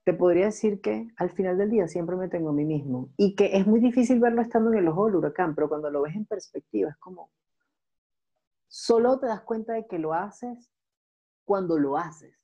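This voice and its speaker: A man's voice: high-pitched, fairly quick. A man in a casual, heartfelt podcast chat, talking expressively with lots of slang. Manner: expressive, slangy, emotional storyteller. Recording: dull lo-fi recording.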